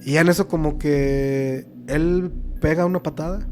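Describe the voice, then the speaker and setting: A man's voice: fairly high pitch, fairly even intonation, moderate pace, darkish tone, soft background music. A man with a Mexican accent, a podcast guest telling a story casually, hesitant and full of fillers.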